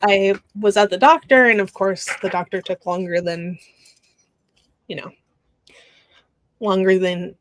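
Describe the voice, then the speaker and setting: Woman host, casual live-sale chat, slow and halting, close dry mic. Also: on the low side, no room sound, low-quality recording. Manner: unhurried, halting, with many fillers and restarts.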